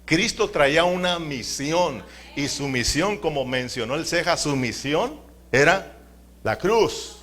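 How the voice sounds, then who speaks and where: A man's voice: a little high, expressive, slow pace, a bit bright. A man preaching a sermon in a church, emphatic, calling his listeners brothers and asking them to repeat after him.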